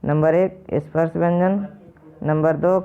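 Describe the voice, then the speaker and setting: A man teaching a lesson, patiently repeating and slowly spelling out each sound. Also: a little high, fairly even intonation, clean tone. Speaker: Sanskrit teacher. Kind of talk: explanatory lesson to viewers. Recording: dull lo-fi recording.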